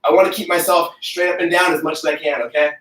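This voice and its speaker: Young male fitness coach, breathless, upbeat and casual, bright tone, picked up from across a roomy space. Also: on the high side, steady tone, fast talker. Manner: upbeat, casual, talks while demonstrating. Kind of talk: live online workout instruction. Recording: roomy echo, from far off.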